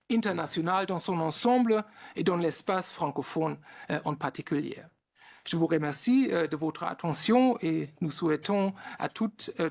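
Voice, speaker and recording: A man's voice: sits high, vocal fry. A man with a German accent, an institute director giving formal opening remarks at a conference, reading with frequent hesitations.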